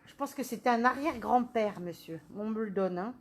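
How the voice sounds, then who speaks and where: A woman medium giving a live reading, her voice sitting fairly high. She keeps asking questions and talks in an animated way, coming back again and again to the same phrases. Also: a little fast. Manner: animated, questioning, repeats "on me le donne".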